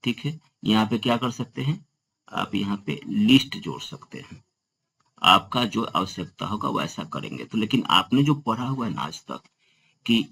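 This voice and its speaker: Male grammar teacher, husky and gravelly, poses questions then answers them. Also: fairly low pitch, animated, moderate pace, pushed and bright, poor audio. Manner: explains step by step, asks and answers his own questions. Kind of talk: classroom grammar lesson.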